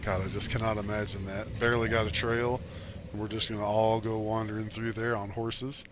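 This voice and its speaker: A man streaming a game, greeting viewers by name in relaxed live-stream chat. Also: on the low side, brisk. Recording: stream with steady background noise.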